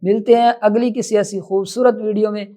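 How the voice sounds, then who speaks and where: A man teaching Quran recitation, mixing brisk explanation with slow, drawn-out recited words. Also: sits high, fairly even intonation, mellow. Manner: measured, instructive. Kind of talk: tajweed lesson.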